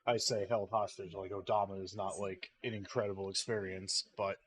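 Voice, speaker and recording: A man's voice: low-pitched, little pitch movement, moderate pace. A man chatting casually while streaming a game, sleepy and rambling, humming idly while he waits. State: sleepy, yawning. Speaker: gaming streamer.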